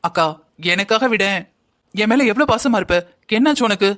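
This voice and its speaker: A woman voicing a young husband who tries to calm his wife and his older sister in a cartoon family story. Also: mid-range voice, moderate pace, close to an everyday voice. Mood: pleading, placating. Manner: soothing, pleading. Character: young husband, placating brother caught between women.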